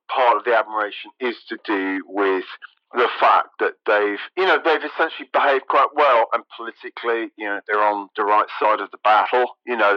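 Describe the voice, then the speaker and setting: A man's voice: mid-range voice, no echo, highs cut off. A middle-aged man, a music journalist talking as a guest in an interview, thoughtful and hesitant, often restarting his sentences. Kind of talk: casual interview talk.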